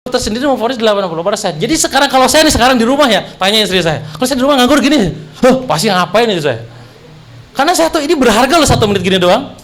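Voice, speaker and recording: A young man, telling stories in an animated, jokey way as he speaks to an audience at a religious talk. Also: high-pitched. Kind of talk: humorous storytelling in a religious talk.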